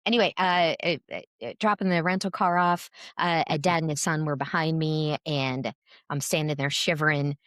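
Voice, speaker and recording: Chatty, rambling low-voiced woman. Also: steady tone, normal speed, a bit bright, no echo, clean studio sound. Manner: rambling storyteller, many fillers and restarts. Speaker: podcast co-host. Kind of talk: casual chat.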